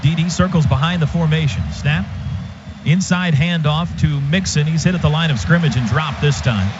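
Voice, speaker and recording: A man with a voice on the high side delivers live radio play-by-play of a football match at normal speed, using terse present-tense bursts. He's in a stadium radio booth, and the dull, lo-fi broadcast carries clear crowd noise from the stadium.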